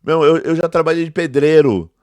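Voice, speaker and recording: A man's voice: a little high, moderate pace, darkish tone, no room sound. A man in his forties, a theology teacher, answering a critic directly to camera in an emphatic, indignant way and repeating his points. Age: 40s. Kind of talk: direct-to-camera response video.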